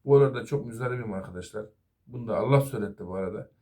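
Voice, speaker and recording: Earnest middle-aged mechanic giving advice. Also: male voice, on the low side, rapid-fire, dark tone. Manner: earnest, advising, repeatedly addressing "arkadaşlar". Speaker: auto mechanic master. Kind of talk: workshop safety talk to fellow mechanics.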